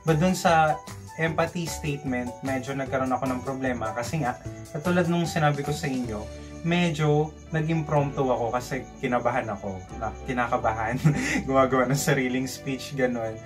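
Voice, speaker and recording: A young man with a Filipino accent telling a story casually in a vlog, in an animated way, acting out bits of dialogue. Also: mid-range voice, moderate pace, over music. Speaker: vlogger recounting call center training. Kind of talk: casual storytelling vlog, mixing Tagalog and English.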